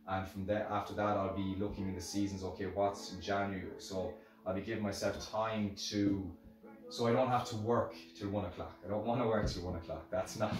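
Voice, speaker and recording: A middle-aged man with an Irish accent giving a casual, rambling motivational talk to camera, repeating phrases for emphasis. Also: fairly low pitch. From Ireland. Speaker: musical instrument maker sharing lessons learnt. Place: hard-surfaced workshop room, indoors. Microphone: camera a few metres away. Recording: very echoey room, distant microphone, music.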